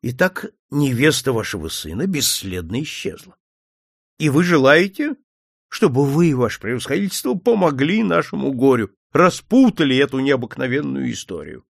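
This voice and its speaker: A man's voice: mid-range voice, moderate pace, gravelly, no echo, clean studio sound. A man voicing a grumpy, proud old millionaire merchant who grumbles. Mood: worried. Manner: grumbling, lively.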